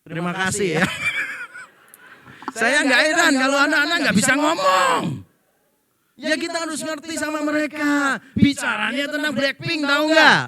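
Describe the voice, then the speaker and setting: High bright-voiced joking pastor. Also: male voice, animated, normal speed. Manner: joking storyteller, acts out quoted people. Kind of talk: humorous sermon to a congregation.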